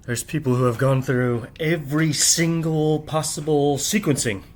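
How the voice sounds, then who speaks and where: A middle-aged man with a somewhat high, slightly mellow voice talks at normal speed and fairly even intonation. He's a channel host alone at night, rambling to camera and asking "right?" after nearly each thought, all while keeping his voice low for his sleeping family.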